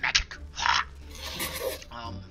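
A young man in casual co-op gaming chat, excitable and cursing when frustrated. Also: very slow, highs cut off. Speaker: gamer. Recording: music playing under the talk.

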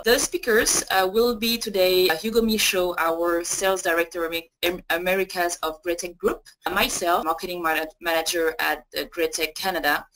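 A woman's voice: lowish voice, fairly bright tone, low-quality recording. A woman hosting a webinar, giving an introduction to a presentation. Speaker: marketing manager hosting webinar.

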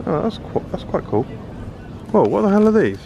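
In a high, sing-song, creaky voice with a dark tone, a man from the United Kingdom vlogs his shopping trip at a moderate pace. This British food vlogger casually comments on shelf products with curiosity while moving through large indoor supermarket aisles. The audio is dull, with slight background noise.

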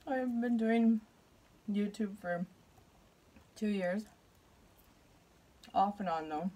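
A woman's voice: medium pitch, drawn-out words, long pauses, warm tone. Nervous, chatty woman at dinner. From Canada. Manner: nervous, chatty, laughs often. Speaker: mukbang YouTuber. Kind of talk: casual eating vlog.

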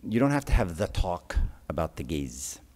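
Man, archdeacon, deep voice, casual sermon, reverberant hall. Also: very animated, moderate pace, darkish tone, slightly rough. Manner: conversational preaching with frequent "right?" asides. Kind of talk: sermon to a parish audience.

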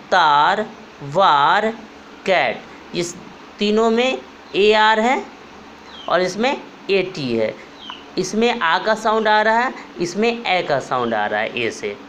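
Slow, patient Indian woman teacher. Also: fairly low pitch, sing-song, a little hiss or hum, rough recording. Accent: Indian English. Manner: slow, patient, repeats words one by one. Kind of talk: classroom lesson explanation. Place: room with a board.

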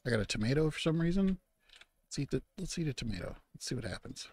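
A man's voice: medium pitch, very animated, quick pace, a little mellow, slight background noise. A man hosting his own gaming channel, chatting easily and rambling to himself as he plays. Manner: easygoing, rambling, talks to himself about the game; mock-outraged scolding at game animals. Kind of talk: relaxed let's-play commentary.

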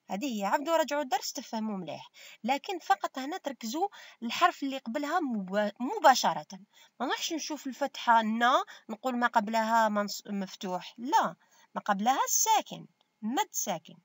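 A woman's voice: a little high, no room sound, clean studio sound. A woman teacher with an Algerian Arabic accent, giving a step-by-step revision lesson and asking and answering her own questions. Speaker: primary school teacher.

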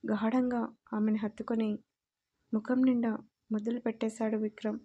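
Woman storyteller, scripted narration, fairly high pitch, mellow tone, dull lo-fi recording. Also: moderate pace, husky. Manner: steady, even reading.

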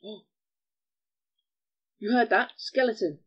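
A man giving chatty gameplay commentary as host of a gaming channel, excitable and given to mild cursing. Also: sits high, takes it slowly, slightly rough, lo-fi sound.

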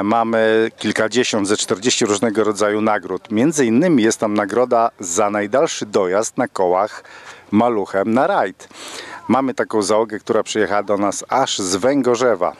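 A middle-aged man speaking outdoors into a handheld mic as a rally commander, steady and full of drawn-out fillers. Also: lowish voice. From Poland. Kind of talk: outdoor interview statement. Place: outdoors at a car rally parking area.

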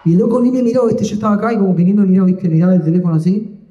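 A man's voice: high voice, very fast, warm tone, dull audio. A young man with an Argentine accent telling a rambling, slangy, self-deprecating story onstage as a stand-up comedian. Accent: Argentine Spanish. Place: comedy stage. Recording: echoey live room.

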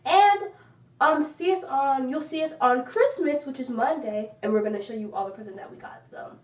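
A woman's voice: sits high, normal speed, darkish tone. A woman hosting a casual family game on a home vlog, chatty and giggly as she reads out game cards. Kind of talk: casual chat. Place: echoey room indoors. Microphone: phone camera from across the room. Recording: echoey room, distant phone mic.

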